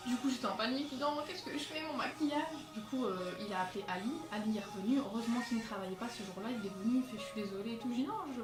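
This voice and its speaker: A mid-range voice comes from a young beauty vlogger, far from the mic, who rambles casually to her phone camera with lots of fillers and a little breathlessness. She's indoors in a bedroom with a skylight, phone held away with no tripod, in an echoey room with music playing.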